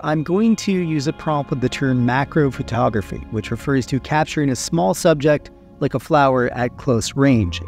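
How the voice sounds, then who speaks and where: Steady man explaining a tutorial. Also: on the high side. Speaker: tutorial host.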